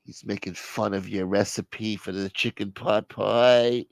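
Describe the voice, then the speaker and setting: A man voicing an older gangster's mother who mumbles low and drags out her lines. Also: steady tone, a little slow, gravelly, dry recording. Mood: brooding.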